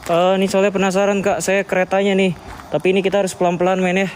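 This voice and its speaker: A man with a fairly high voice hosts a casual ghost-hunting vlog outdoors at an old sugar factory beside cane fields. He is slangy and chatty, speaking to his viewers and to the spirits in turn. Faint background noise sits under his voice. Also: monotone, fast talker. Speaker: paranormal investigator vlogger.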